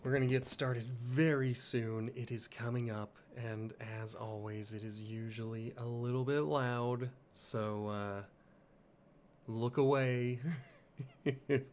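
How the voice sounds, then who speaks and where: A man with a medium-pitched, steady voice talks slowly over slight background noise. He's hosting a livestream of a game playthrough, chatting casually and rambling in a self-deprecating way, a little sniffly and congested from allergies.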